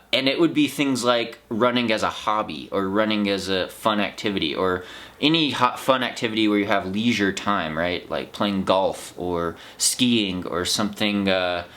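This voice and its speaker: An American man with a slightly low-pitched voice talks through his thoughts as a vlogger. His delivery is casual and unscripted, earnest and reflective, wandering from one clause to the next. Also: fairly bright tone. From United States. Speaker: vlog host, trail runner. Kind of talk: casual unscripted vlog monologue.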